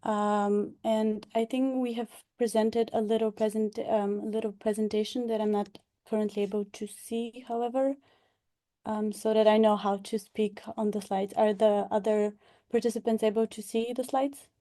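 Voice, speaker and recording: Over a video call for an online info session, a young woman from Bulgaria recounts her time as a delegate and graduate scholar. Her mid-range voice is mellow and flat, at normal speed, and she hesitates often, filling gaps with fillers.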